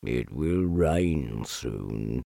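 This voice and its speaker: A man voicing a gloomy, sarcastic old male donkey in a storybook reading, with a low, slow, mournful drawl. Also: animated, vocal fry, mellow, no room sound, clean studio sound, exaggerated voice.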